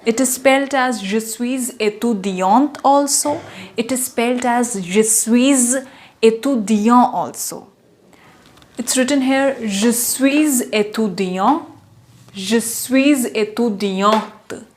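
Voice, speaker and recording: Slow, high-voiced woman teaching French. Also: slight background noise. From India. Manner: repeats words slowly, spells them out. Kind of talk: slow, patient language lesson.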